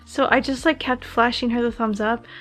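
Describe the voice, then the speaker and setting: Groggy, higher-voiced young woman vlogging with sore mouth. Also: fairly even intonation, moderate pace, fairly bright tone. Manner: groggy, tired, rambling. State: swollen, sore mouth after oral surgery. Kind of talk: casual vlog chat.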